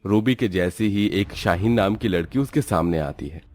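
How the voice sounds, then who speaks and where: A man narrating a cartoon horror story in an even storytelling delivery. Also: on the low side, moderate pace, dry recording, soft background music.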